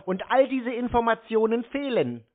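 In a confrontational phone argument, a scam-baiting man scolds bluntly and insistently. His very high voice has lively intonation at a normal speed, heard through a tinny, narrow phone line.

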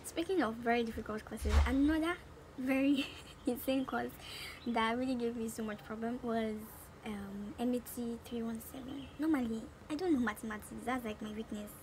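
Talking at a normal speed in a slightly high voice, a Nigerian-accented woman in her twenties chats casually and animatedly while doing a makeup tutorial as a beauty vlogger. The setting is a small room at home, with noticeable background noise.

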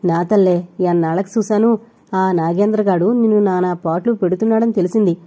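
A woman's voice: mid-range voice, fairly even intonation, a little fast, dark tone, lo-fi sound, natural voice. A woman voicing a fussing mother over sixty who scolds and heaps curses, in an audio novel. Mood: scolding.

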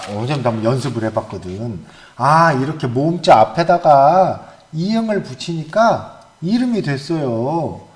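A man's voice: medium pitch, reverberant. A man teaching young children, cheerfully leading them through a call-and-response chant while they clap along. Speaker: elementary school teacher. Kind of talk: children's lesson.

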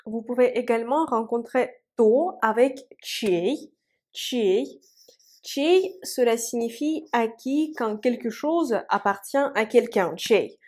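Woman teacher, higher voice, slow repetitive drilling. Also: animated, darkish tone. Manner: slow, careful repetition of example words. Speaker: language teacher. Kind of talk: Russian lesson for French speakers.

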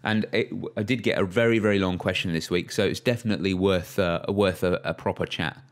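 Low-voiced man hosting a cricket podcast. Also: brisk. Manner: relaxed, chatty, many fillers and restarts. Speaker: podcast host. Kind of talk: casual podcast chat.

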